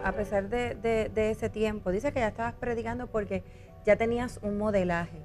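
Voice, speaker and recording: A woman interviewing a guest, summarizing his story and asking measured follow-up questions. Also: medium pitch, fairly even intonation, music in the background. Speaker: interviewer, host.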